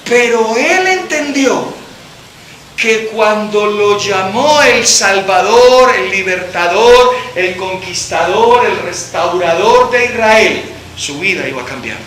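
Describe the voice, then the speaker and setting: Impassioned high-voiced man preaching. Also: lively intonation, slow, slight background noise. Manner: impassioned, alternating loud and soft. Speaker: pastor. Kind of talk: sermon. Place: church hall with congregation. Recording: very echoey church hall. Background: congregation answering.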